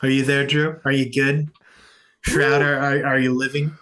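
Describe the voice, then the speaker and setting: A man's voice: mid-range voice, little pitch movement, normal speed, fairly bright tone, poor audio. A man hosting as game master of a tabletop session, with casual, playfully teasing banter.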